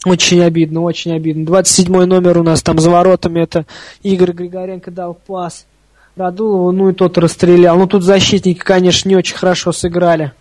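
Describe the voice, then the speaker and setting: A man's voice: high-pitched, flat delivery, a little fast, darkish tone, no room sound, low-quality recording. A man giving informal live hockey play-by-play as an openly partisan, chatty fan of one side. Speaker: hockey commentator.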